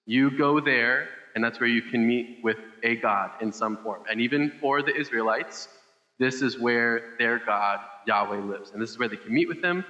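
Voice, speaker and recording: Bright-voiced male pastor in a reverberant hall. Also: mid-range voice, moderate pace, lo-fi sound. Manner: chatty, with many fillers and restarts. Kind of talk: casual sermon. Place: church service. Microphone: microphone.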